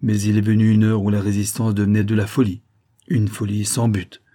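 A man's voice: lowish voice, level tone, a little fast, warm tone, close to an everyday voice. A man reading as a desperate outlawed nobleman. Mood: solemn, resolute. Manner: earnest, solemn letter reading. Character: proscribed young nobleman, desperate and resolute.

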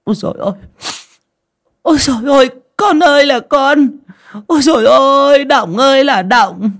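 A man voicing a scheming middle-aged village woman, who wails with fake tears in a shrill, drawn-out, sobbing voice in an audio story. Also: fairly bright tone. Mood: wailing grief. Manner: drawn-out theatrical lamenting.

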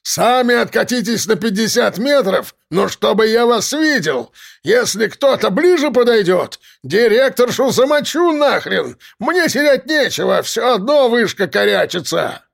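Male narrator plays a desperate armed criminal; raised, strained, shouted threats, nerves on edge. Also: very high-pitched, big pitch swings, unhurried, creaky, pitched above the performer's own voice, exaggerated voice. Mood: snarling.

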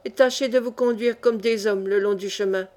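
Audiobook part: woman reading a cool, commanding rebel leader, deliberate. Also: medium pitch, fairly even intonation, a little mellow, natural voice. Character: shrewd bold young clog-maker rebel, cool-headed.

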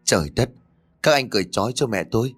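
A man's voice: lowish voice, lively intonation, fast, husky, soft background music. A man voicing a frightened young village man who stammers and pleads in a rush, in an audio horror story. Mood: panicked.

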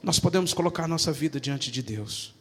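A man's voice: on the high side, expressive, a little fast, a bit bright, husky, in a large hall. A male preacher delivering a sermon with repetitive, emphatic phrasing.

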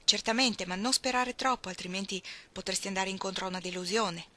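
A woman's voice: mid-range voice, a little fast, close to an everyday voice. A woman voicing a kindly older father. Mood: gentle. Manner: calm, reassuring.

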